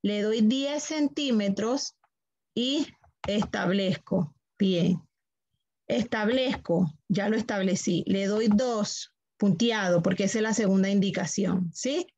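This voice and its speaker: A woman's voice: medium pitch, darkish tone, dry recording, dull audio. A woman teaching a computer class online, walking students through steps patiently, repeating them and checking that they follow.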